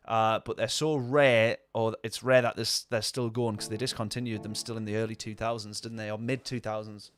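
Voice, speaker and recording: A man's voice: lowish voice, little pitch movement, normal speed, few pauses, a bit bright. A man talking casually over a racing game stream, rambling and answering viewer chat. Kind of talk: casual gameplay commentary.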